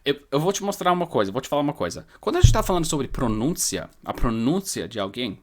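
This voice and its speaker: At a fast clip, this man talks in a sing-song, medium-pitched voice. He's a native English speaker from New York, United States, with an American New York accent, casually teaching pronunciation to viewers by repeating and stressing words.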